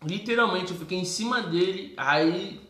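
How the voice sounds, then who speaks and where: A man with a Brazilian Portuguese accent telling a testimony story in a casual, animated way, acting out voices and calling listeners brothers. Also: high voice, normal speed. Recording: roomy echo.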